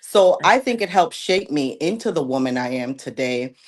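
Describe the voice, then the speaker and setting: Jamaican-raised woman guest, light Jamaican and New York accent, deep low voice, poised and articulate. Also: expressive, normal speed. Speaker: guest, model. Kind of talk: interview conversation.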